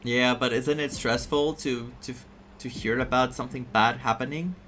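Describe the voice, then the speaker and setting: A gaming streamer talks casually over game music as he plays a story game, his mid-range, slightly bright voice moving at a moderate pace with a little background noise. He rambles along with fillers and mocks vague fortune-telling by putting on silly voices.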